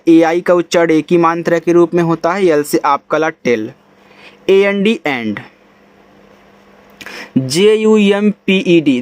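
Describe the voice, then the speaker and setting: A man with an Indian accent teaching English reading, spelling each word letter by letter and then sounding it out. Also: high voice. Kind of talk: reading lesson in Hindi.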